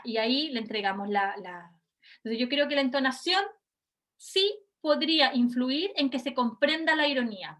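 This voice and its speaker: A woman's voice: high-pitched, fairly bright tone. A woman giving a university lecture, explaining things step by step and often checking in with her listeners. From Chile. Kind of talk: recorded class lecture.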